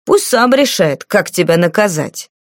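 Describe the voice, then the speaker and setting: A woman playing a gruff, stern bodyguard. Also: lowish voice, animated, unhurried, no room sound, clean studio sound. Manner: curt, commanding. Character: gruff, grim male bodyguard, big and stern.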